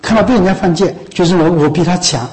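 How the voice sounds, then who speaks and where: Casting note: male monk, fairly high-pitched, chatty dharma talk to lay followers, keeps checking that they follow along. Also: fast talker, darkish tone, poor audio. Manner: conversational, often asks "知道吗？" and "是不是？"; coughs now and then, a few restarts. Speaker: Buddhist monk teacher.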